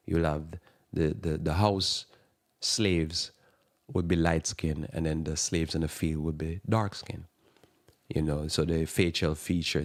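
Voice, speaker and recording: A man preaching a sermon-style radio talk in a thick accent. He rambles, restarts his words and chuckles at his own asides. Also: deep voice. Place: radio program.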